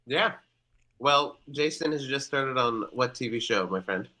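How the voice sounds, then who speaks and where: A man's voice: medium pitch, lively intonation, unhurried, bright, forceful tone. A man co-hosting a podcast, talking casually and emphatically. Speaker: podcast co-host. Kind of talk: casual chat.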